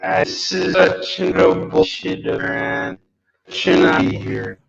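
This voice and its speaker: A man's voice: wildly swooping pitch, slow, creaky. Man on a glitchy, warped video call. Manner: apologetic, casual. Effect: glitchy, broken-up call audio with warped pitch and speed. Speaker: interview guest. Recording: muffled, very echoey video-call audio with faint music.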